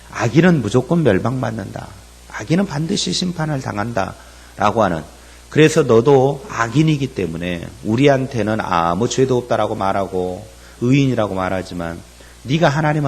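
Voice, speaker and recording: A man preaching a sermon on a Bible passage, speaking slowly and deliberately with frequent hesitations. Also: fairly low pitch, slightly rough. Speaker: pastor. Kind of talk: sermon on scripture.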